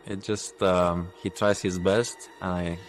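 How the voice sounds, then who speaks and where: A man from Lithuania, giving a measured, confident pre-match interview as an arm wrestler, with frequent ums. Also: low-pitched, level tone.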